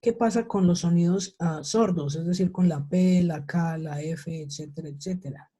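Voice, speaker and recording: Her voice lowish, mellow and slightly rough, a woman leads an online English lesson by video call at a moderate pace. Patiently, she keeps asking questions again and again to make sure her students understand.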